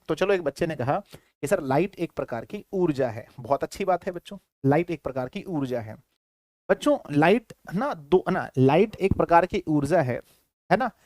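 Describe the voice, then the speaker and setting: A man's voice: on the high side, darkish tone, dry recording, studio quality. A man with a Bihari Hindi accent teaching a class, repeating himself and quizzing his students. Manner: repetitive, keeps quizzing students. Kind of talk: classroom lecture.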